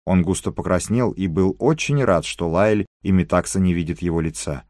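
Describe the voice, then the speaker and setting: An audiobook narrator reads a novel in a low, slightly mellow voice at a moderate pace. It's scripted narration, recorded with clean studio sound and no room ambience.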